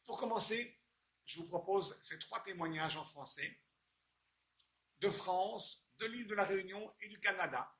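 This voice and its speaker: A man's voice: high-pitched, sharp tone. A man presenting a product with enthusiasm, stumbling and restarting his phrases. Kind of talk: promotional presentation.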